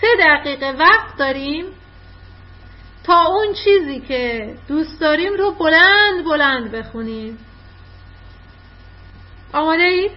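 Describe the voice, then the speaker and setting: Woman teacher on an online class call, high voice, keeps praising the kids, muffled lo-fi audio. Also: animated. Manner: encouraging, quick to praise. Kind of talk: online class, coaching children to read aloud. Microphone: video call.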